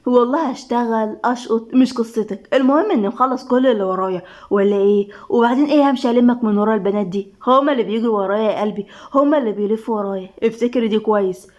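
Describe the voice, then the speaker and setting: A woman narrator puts on a cocky young man from an Egyptian office story, soft-spoken and teasing. He talks fast and keeps a slightly raised pitch for a man. His Egyptian accent colors every line. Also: dull audio, lightly acted. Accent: Egyptian Arabic.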